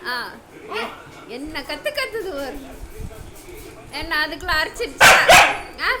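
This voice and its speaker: Woman, very high voice, fond scolding of her dogs at home, noisy recording. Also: lively intonation, takes it slowly. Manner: scolding, teasing, asking questions over and over. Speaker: dog owner vlogger. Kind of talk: casual talk to her pet dogs.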